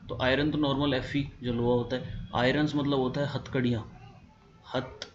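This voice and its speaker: A man with an Indian accent teaching English vocabulary in a casual lesson. He repeats each word several times and spells words out letter by letter. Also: mid-range voice. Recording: dull lo-fi sound with clear background noise.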